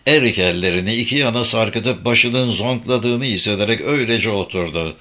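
A man narrating an audiobook novel, expressive in his storytelling. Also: on the low side, normal speed. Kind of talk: scripted narration.

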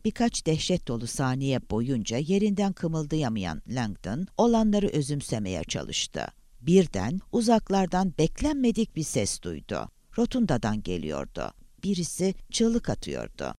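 A man narrating a thriller audiobook with a very animated, sweeping pitch and dramatic emphasis. He sounds dry and close to the microphone, with no room echo. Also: unhurried, hardly any pauses.

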